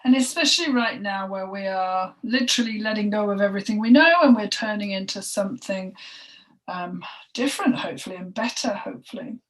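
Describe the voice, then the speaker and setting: A woman co-hosting a spoken energy healing session, talking in a halting, emotional way, with sighs and soft breathy asides. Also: medium pitch. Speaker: healing session practitioner and co-host. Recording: voice distant from the mic.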